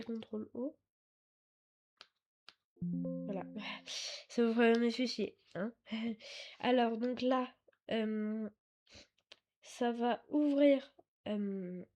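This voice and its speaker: Halting, slow-talking woman tutorial host. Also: fairly high pitch, darkish tone. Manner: hesitant, halting, full of fillers and self-corrections; apologetic and chatty. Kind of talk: casual screen-recorded tutorial. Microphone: desktop mic, sometimes too far away.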